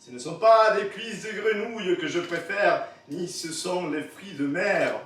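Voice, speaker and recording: Man, slam poet, non-native accent, playful, high voice, slow, echoey hall, distant mic. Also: a bit bright, soft background music. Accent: non-native French. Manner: playful, teasing the audience. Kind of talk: slam poetry performance. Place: performance venue with audience.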